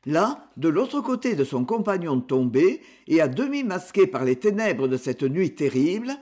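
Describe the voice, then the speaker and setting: Lively, high-voiced male storyteller. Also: normal speed. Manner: expressive, dramatic reading. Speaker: audiobook narrator. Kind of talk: storybook narration.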